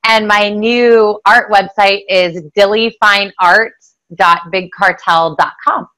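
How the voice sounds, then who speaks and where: A woman's voice: medium pitch, fairly even intonation, takes it slowly, pushed and bright, rough recording. A woman guest on a casual panel chat, talking in an upbeat, easygoing way.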